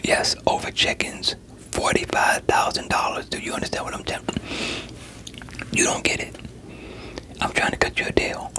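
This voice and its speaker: At a normal speed with frequent pauses, a performer uses a bright, forceful yet natural voice to whisper the role of a seasoned police interrogator. He coaxes and squeezes a suspect with streetwise doubt, coming across as sceptical and pressing.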